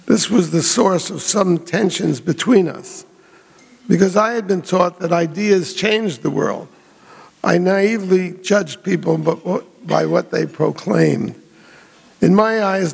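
Older man, gravelly and fairly high, measured memorial speech with hall reverb. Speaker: memorial speaker. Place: hotel ballroom.

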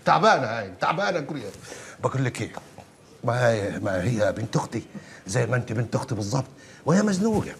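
A man's voice: medium pitch, big pitch swings, fast talker, a little hiss or hum. An actor playing an older Egyptian uncle who soothes and placates his family. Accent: Egyptian Arabic.

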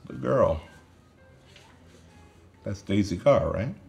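An actor playing a crude, teasing bar regular who tells dirty jokes. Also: male voice, on the low side, animated, takes it slowly, gravelly, a little mellow, soft background music, full character voice. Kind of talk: film dialogue.

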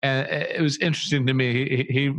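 Brisk and creaky, with a mid-range, steady, fairly bright voice, a middle-aged marketing agency co-founder talks as an interview guest. His explanations are thoughtful and conversational, full of restarts and asides. He uses a boom-arm studio mic and headphones in a small room, with no room sound in the recording.

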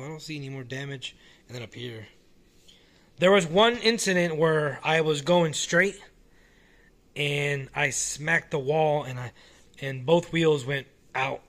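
A man casually talking through a hobby model car while filming it one-handed at home, relaxed and rambling with frequent restarts. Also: on the high side, a little hiss or hum. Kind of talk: casual off-the-cuff vlog. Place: small indoor room at home.

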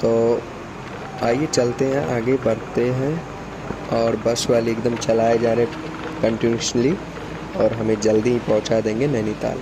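A man's voice: mid-range voice, level tone, measured pace. A man narrating a casual travel vlog from inside a moving bus, chatting to viewers about the mountain scenery. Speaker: travel vlogger. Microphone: handheld camera by the bus window. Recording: clear vehicle noise behind. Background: bus engine and road noise.

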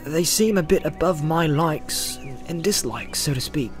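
A man's voice: a little high, expressive, normal speed, soft background music, pitched above the performer's own voice, close to an everyday voice. A man voicing a loyal, plain-spoken male hobbit servant in an audiobook, humble and steadfast. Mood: humble, admiring. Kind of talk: audiobook character voice.

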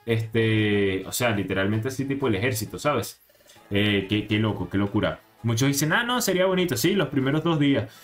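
A young man giving casual, excitable, slangy commentary while playing a video game. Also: lowish voice, normal speed, soft background music. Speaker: gaming channel host. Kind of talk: let's play commentary.

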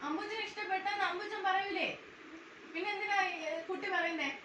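A woman with a very high, piping voice plays a mother in a home skit, coaxing and scolding little ones in sing-song baby talk. She sounds distant from the mic in an echoey room, with clear household noise behind her. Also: brisk, lo-fi sound.

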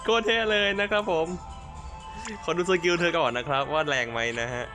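A young man hosting a gaming channel, commenting on a gacha game in a casual, excitable way, with frequent exclamations and polite sentence endings. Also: on the high side, normal speed. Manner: polite, ends lines with formal particles. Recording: game music playing behind.

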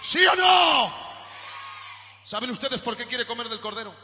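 Impassioned preacher man, very high bright voice. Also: animated, measured pace, a faint crowd, a little hiss or hum. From Spain. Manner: impassioned preaching, shouting peaks then dropping low. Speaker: pastor. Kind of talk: sermon. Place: church hall. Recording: echoey church hall recording with faint music.

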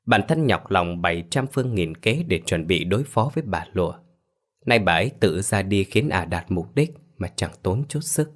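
A man with a very low voice reads a scripted ghost story in a measured, grave manner. He tells it like a practiced storyteller, steady and serious.

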